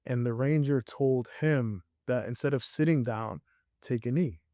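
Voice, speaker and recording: A young man from Puerto Rico who grew up in Connecticut speaks as a guest filmmaker in a relaxed interview. His mid-range voice is warm and a little slow, and he comes across earnest and reflective, often restarting sentences. The recording is clean studio quality with no room sound.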